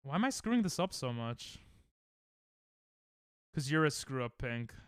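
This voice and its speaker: A man with a mid-range, sing-song voice talks a little slowly and smoothly while streaming a game. He trades sarcastic, joking banter with his chat in casual live-stream talk. The recording is dry and studio quality.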